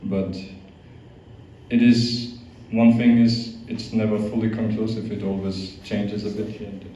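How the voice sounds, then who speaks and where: A young Austrian guest speaker who is a monk gives a hesitant, casual talk to a youth group, filled with fillers and restarts and marked by his Austrian accent. His lowish, dark voice is flat and unhurried. Recorded in a large hall, the audio comes across distant, dull and full of echo.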